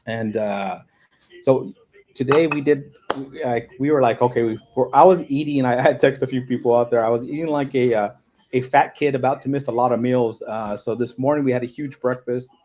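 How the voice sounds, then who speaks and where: Mellow-voiced man chatting casually on a livestream. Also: medium pitch, moderate pace. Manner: rambling, repeats words. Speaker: livestream host. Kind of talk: casual livestream chat reading viewer comments. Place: hotel room, indoors.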